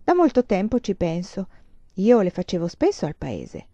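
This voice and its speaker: A woman's voice: mid-range voice, wildly swooping pitch, dark tone, no room sound. A woman reader voicing a solemn, composed young woman student in an audiobook, her voice a little raised, slightly dull lo-fi recording. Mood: persuasive. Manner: grave, measured.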